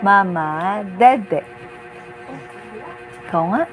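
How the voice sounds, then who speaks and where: A woman from the Philippines, a mother and family vlogger, coaxing her baby to repeat first words in slow, repetitive baby talk. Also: mid-range voice, animated, low-quality recording. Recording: background music over the voice.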